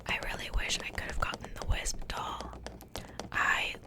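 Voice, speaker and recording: An ASMR host, a woman, comments on an unboxing in a breathy, unvoiced whisper. She chats casually and unhurriedly, at a normal speed.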